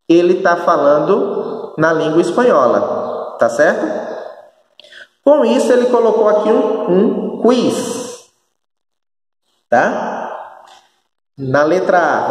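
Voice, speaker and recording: Recorded far from the mic in an echoey, bare room with a long reverb, a man teaches Spanish in a remote class. He has a northeastern Brazilian accent, a somewhat high voice with wide pitch swings, and a slow, explanatory style, frequently asking tag questions to confirm understanding.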